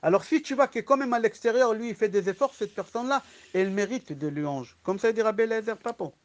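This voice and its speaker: A rabbi teaching a class, his voice sitting high for a man and carrying a slight lisp. He tells his lesson as lively stories, throws rhetorical questions at the room and slips into the voices of the people he quotes. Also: a little fast, lo-fi sound.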